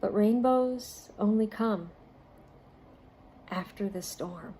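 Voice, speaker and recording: A woman volunteering at storytime reads aloud and speaks directly to children. Her speech is deliberate and carefully phrased, with short pauses, in a warm, medium-pitched voice, and the recording carries a little hiss or hum.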